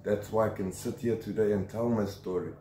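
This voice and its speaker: A man's voice: on the low side, steady tone, a little fast, dark tone, roomy sound, slight background noise, poor audio. A South African man in his forties, telling his life story as an interviewee in a tough, emphatic way with strong conviction, filmed at close range on a phone camera. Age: 40s. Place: outdoor shelter against a corrugated metal wall.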